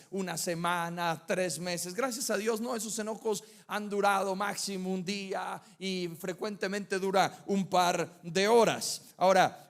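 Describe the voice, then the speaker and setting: A married man with children preaching a sermon in a conversational way, telling humorous personal stories and asking the listeners questions. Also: high voice. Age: adult, married with children.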